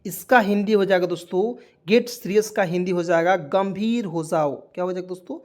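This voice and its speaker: A man teaching English phrases in Hindi, spelling each word out letter by letter and repeating every meaning slowly, often asking his listeners if they follow. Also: sits high. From rural India.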